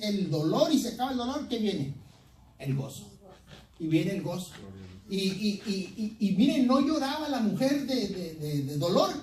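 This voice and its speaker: Animated preaching pastor in an echoey hall. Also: male voice, very high-pitched. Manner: animated preaching with repeated stammered restarts; asks the congregation questions and has them repeat phrases. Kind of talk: sermon. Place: church hall. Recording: roomy echo, speaker far from the mic, faint background noise.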